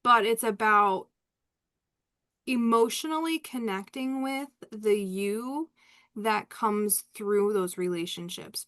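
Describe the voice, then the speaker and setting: A woman's voice: medium pitch, fairly bright tone. Woman reader, casual live chat, rambling, candid, laughs a lot. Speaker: spiritual reader hosting a live session.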